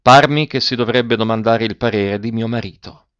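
A man voicing a frail, grieving noblewoman who speaks in a hushed, timid way, in a dull lo-fi recording. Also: medium pitch, moderate pace, smooth, dry recording, natural voice. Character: frail grieving marchioness, a woman.

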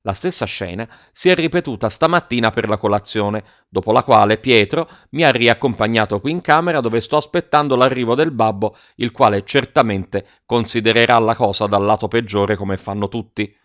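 A man narrating a storybook in a steady, even-toned first-person telling, his pitch sitting in an ordinary middle range. The recording is a little muffled and lo-fi. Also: moderate pace, hardly any pauses. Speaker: audiobook reader.

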